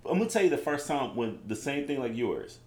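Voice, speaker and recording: A man with a deep radio voice co-hosting a podcast, telling stories in a laid-back, animated way. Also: a little fast, echoey room. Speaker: podcast co-host. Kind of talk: casual chat.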